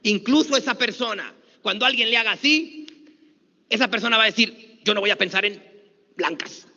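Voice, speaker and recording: Energetic Mexican man in echoing hall. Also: high voice, moderate pace, vocal fry. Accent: Mexican Spanish. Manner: energetic, leads crowd in call-and-response chants. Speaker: motivational speaker. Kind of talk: motivational talk to a conference audience. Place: large conference hall. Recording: dull, lo-fi audio with long hall reverb.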